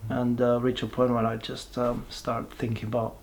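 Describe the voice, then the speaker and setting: A man, giving a halting, reflective personal testimony with many pauses and restarts. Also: mid-range voice, completely flat delivery, gravelly, darkish tone, a little hiss or hum. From Bulgaria. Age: 40s. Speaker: person sharing his life story.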